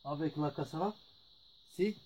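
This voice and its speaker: A man's voice: fairly high pitch, a little slow, a little mellow, slightly rough. A man teaching a lesson in French, patiently repeating each word. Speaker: Arabic teacher. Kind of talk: slow spoken lesson.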